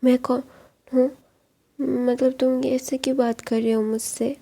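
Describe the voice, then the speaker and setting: A woman's voice: high-pitched, flat delivery, measured pace, creaky, mellow, exaggerated voice. A woman voicing a confused, tearful young man who has lost his memory, asking anxious, pleading questions in a storybook tale.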